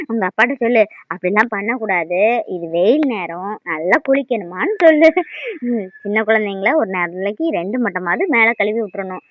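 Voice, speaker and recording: A woman's voice: mid-range voice, animated, moderate pace, lo-fi sound, lightly acted. A woman voicing a bossy scolding young mother. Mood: chatty. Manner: scolding, threatening, loud bursts.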